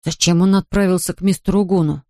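A woman's voice: on the low side, fairly even intonation, darkish tone, no room sound, studio quality, lightly acted. A woman voicing a puzzled, hesitant boy in a storybook reading. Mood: unsure. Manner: uncertain, slow.

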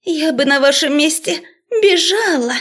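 A woman voicing a shrill, bossy female professor who shrieks orders in an audiobook. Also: measured pace, a bit bright. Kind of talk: audiobook character voice.

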